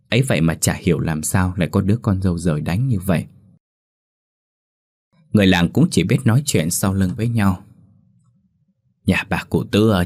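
A man narrating a ghost story in a steady, expressive storytelling manner. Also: sits low.

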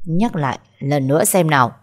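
A woman's voice: low voice, expressive, fairly quick. A woman voicing a young male company boss who speaks in clipped, menacing lines.

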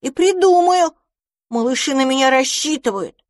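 A woman voicing a young boy mouse, eager and kind, talking in an excited way. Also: sits high, normal speed, no echo, clean studio sound, pitched above the performer's own voice. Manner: excited, bright-eyed.

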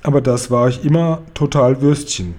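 A man's voice: mid-range voice, fairly even intonation, moderate pace, a little mellow, close to an everyday voice. A man reading aloud and voicing a huge, kindly male giant who jumbles his words in a folksy, earnest way. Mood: earnest, excited.

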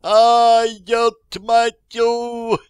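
A man's voice: on the high side, sing-song, quick pace, dry recording, clean studio sound, pitched above the performer's own voice, exaggerated voice. Man putting on a shrieking hysterical officer. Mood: outraged yelling. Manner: yelling, squealing with outrage. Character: panicky loud-mouthed male army officer. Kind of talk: audiobook reading.

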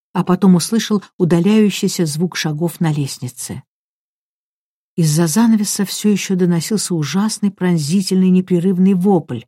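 A woman reading a mystery story aloud as an audiobook narrator, in steady, measured narration. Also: on the low side, no echo, studio quality. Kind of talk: scripted narration.

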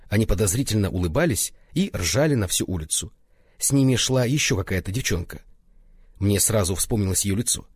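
A man's voice: fairly low pitch, a little mellow, slightly rough, dry recording, studio quality. A man reading a first-person story aloud, acting out other characters by raising his voice for their lines. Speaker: audiobook narrator. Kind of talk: first-person audiobook narration.

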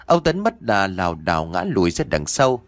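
A man narrating a horror story in an expressive, theatrical way. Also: deep voice, normal speed, dry recording.

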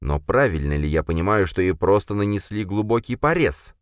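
Male reader doing an agitated young man, raised pitch, loud, sarcastic, hissing, storybook. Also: lively intonation, smooth, no echo, clean studio sound. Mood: heated. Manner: heated, sarcastic, quick to snap.

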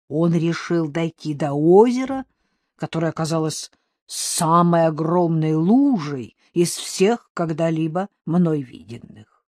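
Lively, expressive audiobook narrator. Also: medium pitch, dry recording, clean studio sound.

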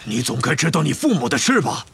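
A man playing a huge half-giant groundskeeper with a gravelly, raspy voice that swings wildly from low grumbles to booming roars. He is hot-tempered and blustering, a storybook giant through and through. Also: big pitch swings, quick pace, a bit bright, full character voice. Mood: indignant. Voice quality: gravelly, rough. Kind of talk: audiobook character reading.

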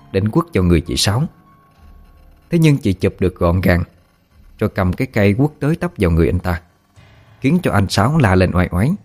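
A man reads a ghost story aloud in a low voice. His narration is steady and even. Faint music sits under the reading. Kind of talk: scripted narration.

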